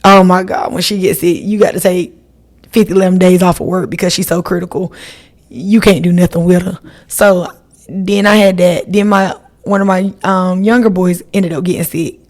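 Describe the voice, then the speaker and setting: A woman's voice: fairly low pitch, fairly even intonation, moderate pace, darkish tone. A woman, hosting her podcast in a chatty, rambling style and talking straight to her listeners. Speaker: podcast host. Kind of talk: casual solo podcast chat.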